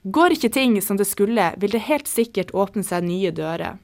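A woman's voice: medium pitch, animated, no echo, studio quality. A Norwegian woman hosting a radio show, interviewing a guest and narrating scripted links.

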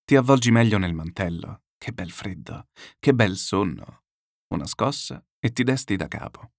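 Deep-voiced man reading solemnly. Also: expressive, no room sound, clean studio sound. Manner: declamatory, lyrical, with slow solemn pauses. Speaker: reader. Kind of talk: literary audiobook reading.

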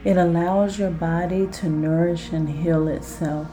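Slow, mellow woman narrating sleep-style guided relaxation. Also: fairly low pitch, fairly even intonation, faint music behind, poor audio. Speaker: podcast host and relaxation guide.

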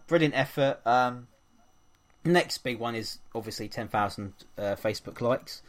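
A man's voice: medium pitch, a little slow. Chatty male podcast host, full of ums. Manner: chatty, upbeat, with frequent ums. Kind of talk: casual podcast chat.

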